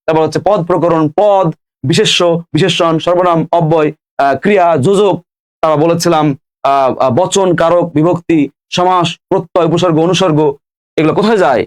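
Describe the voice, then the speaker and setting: Fast-talking male teacher quizzing a class. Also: on the high side. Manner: quizzing students, repeating each question and answer. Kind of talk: live online grammar class.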